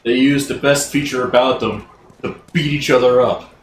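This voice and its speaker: A man's voice: medium pitch, fairly even intonation, normal speed, slight background noise. A man streaming a video game in casual banter, playful and teasing, with running gags. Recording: roomy echo with faint game sound.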